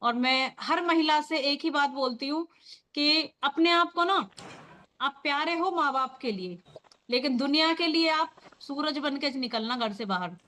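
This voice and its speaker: A high-pitched woman speaks over a video call, leading a training session for her team. She talks in an earnest, firm and encouraging way, in a plain meeting-leader style. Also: unhurried, pushed and bright.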